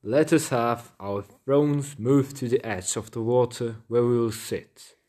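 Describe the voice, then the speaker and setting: A man voicing a cunning, vain and cruel medieval king in a storybook, deep and commanding. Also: fairly even intonation, unhurried, dark tone, natural voice. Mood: scheming. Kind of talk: storybook character voice.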